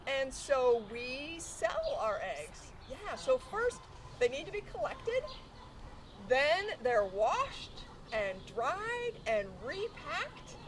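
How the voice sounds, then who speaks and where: High-voiced woman, lively farm educator. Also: drawn-out words, crowd noise. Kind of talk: casual educational interview answers.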